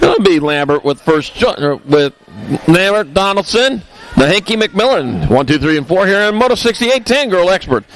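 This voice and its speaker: Man, race announcer, high pitch, animated delivery, joking asides, live commentary. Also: a little hiss or hum, low-quality recording. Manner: jokey asides between rapid rider call-outs.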